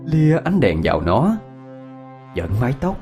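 A man narrating a first-person horror story in a tense, dramatic manner, slowing for suspense. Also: mid-range voice, wildly swooping pitch, muffled recording, faint music behind.

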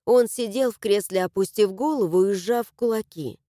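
A woman narrating a fantasy novel in the first person, expressive and emotional. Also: medium pitch, normal speed, dry recording, studio quality. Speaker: audiobook narrator.

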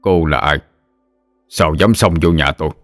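A man's voice: rumbling low, a little slow, a bit bright, soft background music. A man voicing a furious old exorcist father-in-law who scolds harshly and bitterly.

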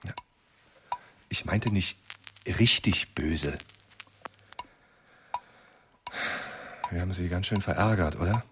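An actor playing a middle-aged younger brother who answers in a dry, mocking way, in a radio play. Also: male voice, sits low, measured pace, background noise. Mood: quiet, sheepish.

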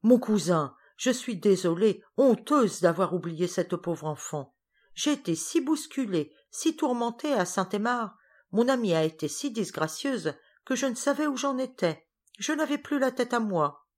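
A woman voicing an impatient, fussy lady who talks high and loud in exclamations. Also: expressive, measured pace, few pauses, slightly rough. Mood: flustered.

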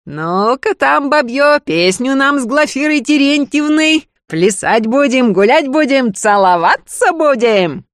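A woman's voice: on the high side, expressive, a little slow, no room sound, clean studio sound. A woman voicing a toothless, one-eyed male village sorcerer, drawling and taunting in a storybook reading.

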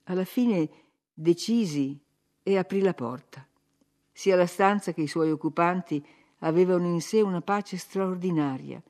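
Lower-voiced woman narrating an audiobook. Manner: measured, expressive storytelling.

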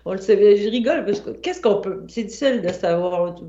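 A woman's voice: mid-range voice, animated, mellow. A woman, talking in a playful, chatty way in a casual discussion. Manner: playful, chatty, quick to laugh. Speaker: guest. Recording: echoey room, dull lo-fi sound.

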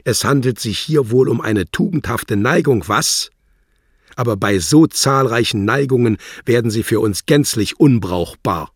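A man voicing a scornful, threatening embassy secretary with a guttural, rasping snarl. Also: medium pitch, lively intonation, a little slow, dry recording, studio quality, pitched above the performer's own voice. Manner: mocking, threatening, condescending. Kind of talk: audiobook character voice.

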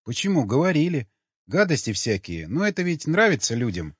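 A man's voice: fairly high pitch, very animated, a little fast, breathy edge, no echo, pitched above the performer's own voice. A man voicing a meek naive young woman. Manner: soft, matter-of-fact and docile. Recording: dull lo-fi recording.

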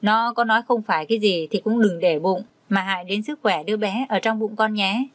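Woman doing a gentle older mother-in-law. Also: medium pitch, a little fast, no echo, natural voice. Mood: soothing. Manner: soothing, pleading.

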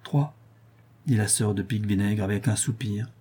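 A man reading a classic novel aloud as a calm audiobook narrator. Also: fairly low pitch, brisk, breathy edge. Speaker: audiobook reader.

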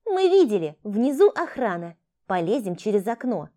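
A woman's voice: mid-range voice, sing-song, normal speed, natural voice. A woman voicing a brash, impatient young female thief who talks in a bossy, snappish way. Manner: bossy, snappish, sharp-tongued. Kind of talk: audiobook character voice.

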